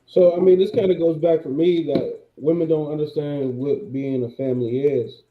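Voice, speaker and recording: A man's voice: a little high, steady tone, moderate pace, slight background noise. A man speaking on an online call whose voice comes through muffled, as if through a wall, with many fillers and restarts. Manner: thinks aloud, frequent fillers and restarts. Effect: muffled, as if heard through a wall. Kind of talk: casual opinion talk. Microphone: remote call mic with something covering it. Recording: muffled, phone-like, echoey mic.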